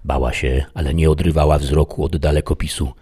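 A man narrating a dramatic audiobook story with an expressive, tense delivery. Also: extremely low pitch, brisk, slightly rough.

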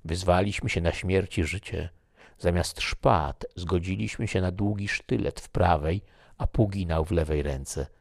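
Audiobook figure: man reading as a solemn soldier, low gravelly voice, slow and measured, dry studio. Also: no room sound, exaggerated voice. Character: grave, fatalistic male soldier.

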